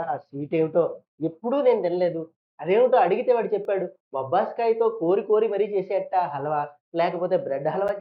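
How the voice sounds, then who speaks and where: A woman's voice: on the low side, highs cut off. A woman preacher giving a sermon, pressing listeners with repeated rhetorical questions and acting out churchgoers in quoted asides.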